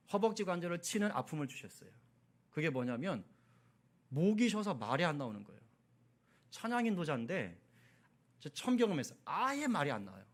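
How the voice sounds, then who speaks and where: High, lively-voiced male pastor preaching. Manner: animated storytelling, acting out quoted dialogue. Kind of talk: sermon.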